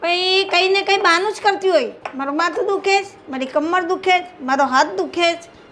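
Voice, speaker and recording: A woman's voice: extremely high pitch, moderate pace, a bit bright, slight background noise. An actress playing a mild, weary mother-in-law who placates and defends herself, with a Gujarati accent. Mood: placating.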